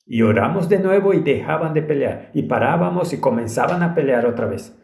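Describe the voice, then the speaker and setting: A man's voice: mid-range voice, animated, brisk, creaky, darkish tone. A man preaching a sermon, telling a story in an earnest and urgent way. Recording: roomy echo.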